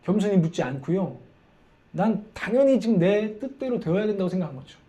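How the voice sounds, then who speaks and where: A male preacher delivers a sermon in a chatty, conversational way. His voice is high-pitched yet warm and soft. He keeps checking in with his listeners through questions. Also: sing-song, brisk. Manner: conversational, asks the congregation questions.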